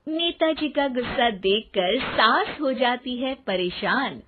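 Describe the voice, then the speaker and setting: Woman reading rhyming cartoon story, slow and high, sounds like a phone line. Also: lively intonation, noisy background. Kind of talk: rhyming scripted cartoon narration.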